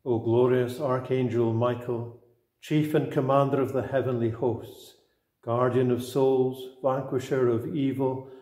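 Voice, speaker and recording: Slow, flat-voiced man reciting prayers. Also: medium pitch, echoey room. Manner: slow, even, solemn recitation. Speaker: prayer leader.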